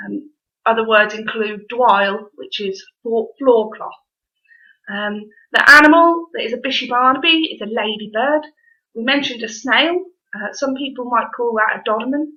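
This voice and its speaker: Norfolk woman, bright forward voice, higher pitch, informal teacherly presenter, dull lo-fi recording. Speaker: dialect society presenter and quiz host. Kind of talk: informal presentation with quiz questions. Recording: dull, lo-fi audio.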